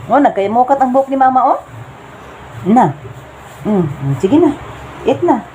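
Playful Filipino mom, slow and bright. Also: female voice, sits high, sing-song, muffled recording, a little hiss or hum. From Philippines. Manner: playful baby talk mixed with chatty asides to viewers, frequent laughter. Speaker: vlogger and mother. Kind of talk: casual family vlog, talking to her baby and viewers. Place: home living room.

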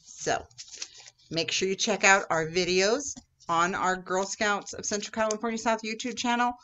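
A woman's voice: medium pitch, steady tone, normal speed, sharp tone, slight background noise. Upbeat woman teaching kids. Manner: upbeat, friendly teacher talk that acts out customer exchanges. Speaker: Girl Scout troop leader. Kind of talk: instructional video for kids.

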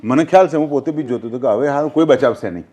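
A man's voice: mid-range voice, very fast, dark tone. An older man from Gujarat, a former newspaper journalist, talking politics in an interview and telling anecdotes, acting out quoted speech.

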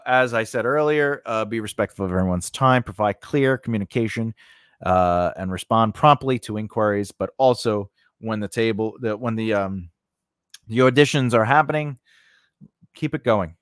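A man in his forties with a fairly low voice hosts a casual screenwriting lesson, recorded close on a boom-mounted large condenser microphone. There's no room sound in his small home studio. He talks in a loose, rambling way, punctuating it with "you know" and "right?"

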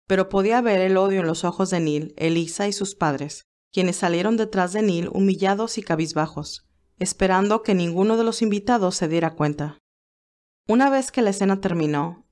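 Over classical background music, a woman narrates a tale in Spanish from a script. Her voice is fairly low and darkish in tone.

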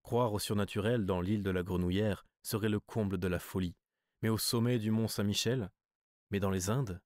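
A man reading a literary story as an audiobook narrator, measured and even. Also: fairly low pitch, no room sound, clean studio sound. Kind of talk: scripted narration.

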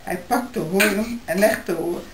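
A woman's voice: mid-range voice, measured pace, noisy background. Grandma reading aloud, older woman, encouraging, echoey room. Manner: gentle, encouraging. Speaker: grandmother babysitting. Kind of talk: reading a picture book aloud to a child. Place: home, indoors.

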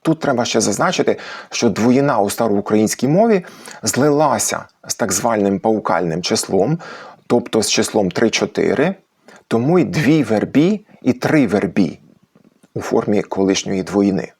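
Gravelly, husky man explaining grammar. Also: on the low side, lively intonation, darkish tone. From Ukraine. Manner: explains patiently, slows to stress example words. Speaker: language channel host. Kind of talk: educational talk on language history.

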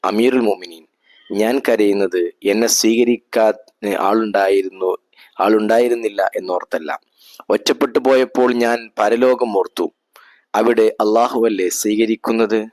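A man's voice: fairly low pitch, steady tone, a little slow, a little mellow, dry recording, lightly acted. A man voicing a pious, honest male adviser in a spoken history story, talking earnestly and reflectively.

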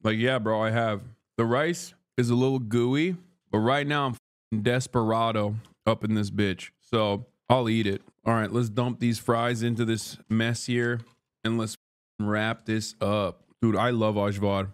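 Unhurried and steady, this streamer's fairly low, clean voice belongs to a man in his thirties from Turkey. Sitting indoors in a small wood-paneled room with a boom-arm studio mic right by his face, he eats and talks at once, brash, profane and joking.

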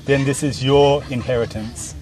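A man's voice: medium pitch, steady tone, moderate pace. An older man hosting a casual travel vlog, chatting wryly with passengers and narrating in a reflective tone. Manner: chatty, wry interviewer. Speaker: vlogger host. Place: tuk-tuk and outdoor temple grounds. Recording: outdoor recording with clear street noise.

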